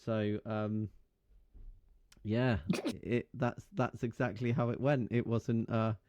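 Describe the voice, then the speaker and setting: A man from England co-hosting a casual podcast, talking in a relaxed, rambling way with many fillers. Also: fairly low pitch, slow pace, highs cut off, a little hiss or hum. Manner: relaxed, trailing, filler-heavy speech. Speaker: podcast co-host. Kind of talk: casual chat.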